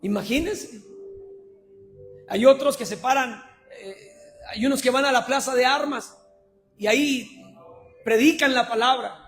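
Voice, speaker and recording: A Mexican man preaching a sermon as pastor, shifting between shouted calls and quiet, chatty asides to the congregation. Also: very high-pitched, a little slow, pauses often, a little hiss or hum. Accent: Mexican Spanish. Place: church.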